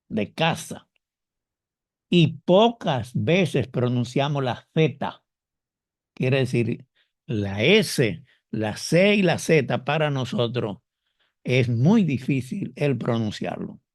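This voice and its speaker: A man with a Dominican Spanish accent speaks at a slow, measured pace in a voice of ordinary pitch. He lays out his points like a teacher, stretching key words and repeating examples. The recording is dry, with little room sound. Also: a little mellow, no echo. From Dominican Republic. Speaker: teacher explaining culture and dialect. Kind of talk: explanatory monologue.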